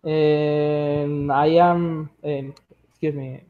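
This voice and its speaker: Very slow, hesitant Spanish-accented man. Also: a little high, flat delivery, narrow, tinny audio. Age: 30s. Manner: halting, hesitant beginner with many eh fillers. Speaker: student.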